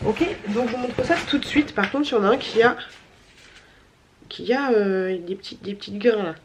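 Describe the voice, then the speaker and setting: A woman's voice: mid-range voice, normal speed, background noise. A tired woman vlogger with a stuffy, nasal voice, chatting casually through a shopping haul with many fillers and repeated words.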